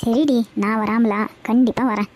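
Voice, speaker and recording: A woman's voice: a little high, steady tone, moderate pace, a little mellow, close to an everyday voice. Woman voicing a fussing, hospitable mother. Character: fussing, welcoming middle-aged mother.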